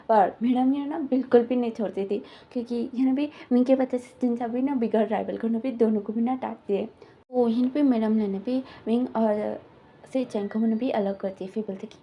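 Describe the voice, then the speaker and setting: A woman's voice: on the high side, lo-fi sound. A woman casually retelling a fan story in a rambling, filler-heavy way, slipping into quoted lines.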